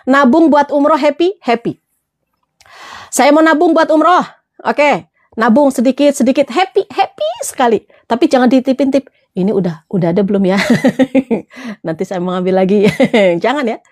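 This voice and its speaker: A woman's voice: high-pitched, a little slow. A woman motivational trainer, chatting casually with followers, laughing often and answering their comments.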